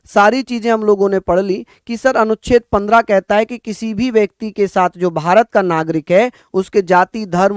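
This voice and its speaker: Man from northern India, exam-prep teacher, high smooth voice, dry close sound, repeats points. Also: dry recording. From Uttar Pradesh, India. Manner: addresses students as bhaiya, repeats points for dictation.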